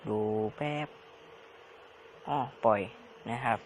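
A man's voice: slow pace, a little hiss or hum. Polite chatty man playing a game. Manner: chatty, polite, makes digging sound effects with his mouth. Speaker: Let's Play gamer. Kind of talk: casual game commentary.

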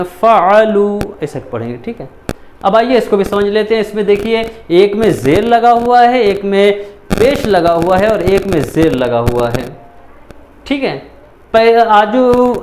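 A high-pitched man leads a step-by-step Quran reading lesson. He spells out each syllable slowly and patiently, checking in often with his pupils. A faint hiss sits under the recording. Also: expressive, a little mellow. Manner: patient, repeats syllables slowly, frequent "theek hai".

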